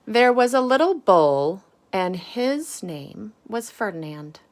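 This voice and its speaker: A woman reading a children's storybook aloud with casual asides, in deliberate phrases with emphasis on key words. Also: mid-range voice, sing-song, noisy background. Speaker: storybook reader.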